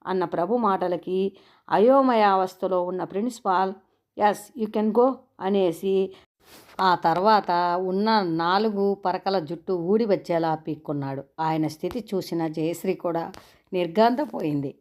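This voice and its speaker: A middle-aged woman from India narrating an audio story in an expressive, unhurried reading. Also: on the low side.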